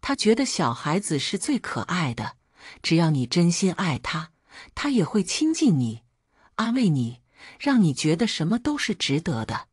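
A woman narrating a family story in a calm, even, scripted reading. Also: on the low side, moderate pace, slightly rough, dry recording, studio quality.

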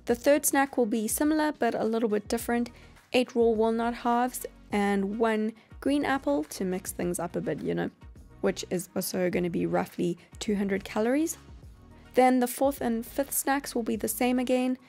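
A woman hosting a cooking channel, explaining each step of a meal prep in a calm voice-over. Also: a little high, moderate pace, vocal fry, soft background music. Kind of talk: instructional voice-over.

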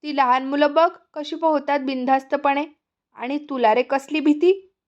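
A woman's voice: high voice, fairly even intonation, measured pace, dull audio. A woman voicing a loving but stern mother who talks firmly and tenderly to her son. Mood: coaxing. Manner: tender yet firm, coaxing.

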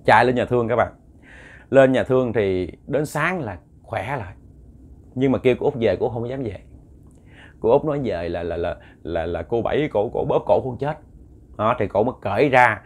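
A man's voice: medium pitch, lively intonation, normal speed. Man, Southern Vietnamese accent, ghost story narration, rambling, repeats words, talks to listeners. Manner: addresses listeners directly.

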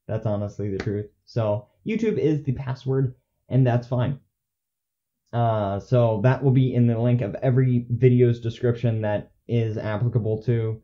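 A young man hosting his own channel, talking off the cuff in a rambling way with many fillers and restarts. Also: on the low side. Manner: rambling, self-correcting, filler-heavy; says he gets monotone when scripted. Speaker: channel host. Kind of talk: unscripted casual vlog. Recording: dull lo-fi audio.

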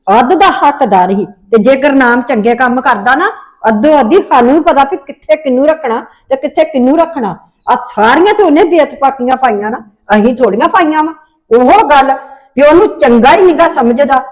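A middle-aged woman with a Punjabi accent, acting a firm, scolding mother in a family drama. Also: high-pitched.

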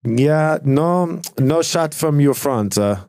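A man's voice: on the high side, animated, darkish tone, no room sound, studio quality, voice pushed up. A man putting on a fumbling Italian videographer. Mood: apologetic. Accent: put-on Italian. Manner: hesitant, halting, with Italian words. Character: male Italian wedding videographer, apologetic, fumbling.

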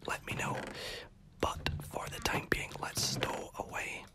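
Whispering gamer with a fading voice. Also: a little slow. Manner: soft unvoiced whisper, chatty, self-correcting. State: losing their voice, coughing. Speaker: gaming video host. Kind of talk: whispered ASMR gameplay commentary.

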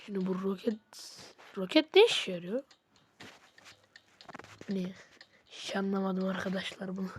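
A woman giving casual let's-play commentary, excitable, talking straight to her viewers and slipping into whispered asides. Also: medium pitch, normal speed, long pauses, background noise. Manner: excitable, often addresses viewers as "friends", drops into whispered asides. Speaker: gaming channel host.

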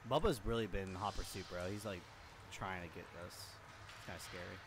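A young man chatting casually with teammates while he plays, quickly calling out his moves. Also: sits low. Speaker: gaming channel host. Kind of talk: casual gameplay chat with teammates. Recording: loud game noise behind voice.

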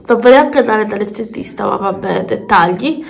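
A woman's voice: medium pitch, lively intonation, moderate pace, gravelly. A woman with a pinched, blocked-nose voice from a head cold, chatting casually and repeating herself in a makeup vlog. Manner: rambling, repeats words and phrases. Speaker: beauty vlogger. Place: bathroom at home.

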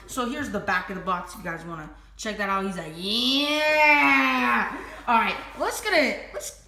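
A woman unboxing toy figures, chatty and excitable, often bursting into yells and squeals. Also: medium pitch. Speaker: toy collector vlogger. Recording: roomy echo, faint background noise.

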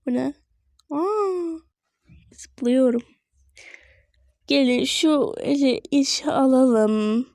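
A woman's voice: high voice, very slow, pauses often, a little mellow, no room sound, clean studio sound. A young woman giving casual gameplay commentary, chatty and easily frustrated, talking straight to her viewers. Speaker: gaming video creator.

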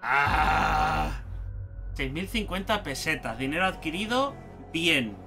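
A man with a Spain Spanish accent giving let's play commentary, excitable and swearing and shouting at the game. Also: on the high side, a little slow. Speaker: gaming YouTuber. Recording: game music and sound behind voice.

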